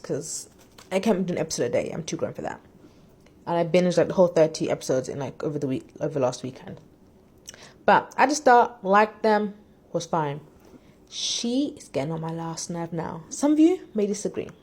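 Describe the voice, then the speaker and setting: A woman's voice: lowish voice, a little mellow. A woman in casual chat, reviewing a drama in a candid, opinionated and rambling way.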